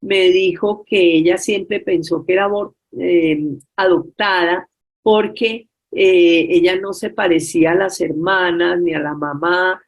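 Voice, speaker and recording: A woman giving a storytelling religious talk over a video call, retelling a story with many filler pauses. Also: on the low side, fairly even intonation. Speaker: speaker at a forgiveness workshop.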